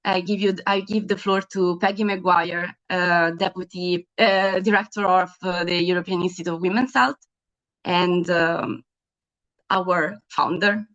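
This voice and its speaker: A woman's voice: fairly low pitch, steady tone, a little slow, a bit bright. A young woman with an Italian accent, hosting an online webinar with frequent hesitations. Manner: hesitant, many ums and uhs. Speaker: webinar host. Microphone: video call. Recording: dull lo-fi video call audio.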